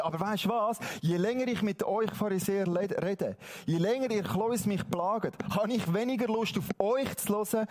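Swiss guy playing a cheeky fed-up young man who used to be blind, slangy and mocking, high voice. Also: a little mellow, natural voice. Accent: Swiss German. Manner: colloquial, mocking, exasperated.

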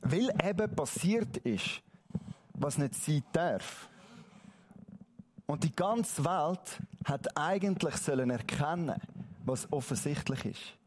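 A man's voice: on the high side, animated, a little hiss or hum. A man with a Swiss German accent preaching, retelling a Bible story in a conversational way and often checking in with his listeners. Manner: conversational, asks "oder?" often, dramatic slow readings.

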